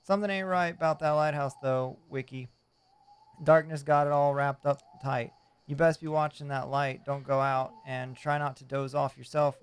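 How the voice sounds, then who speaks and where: Man putting on a gruff, folksy old fisherman. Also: medium pitch, slight background noise, lightly acted. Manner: folksy rustic talk. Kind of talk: video game character voice read aloud by streamer.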